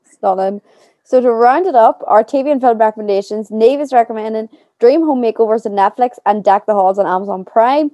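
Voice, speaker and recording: A woman's voice: fairly high pitch, fairly quick, warm tone, dry recording. A woman with an Irish accent, hosting an entertainment show and interviewing guests. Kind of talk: magazine show presenting.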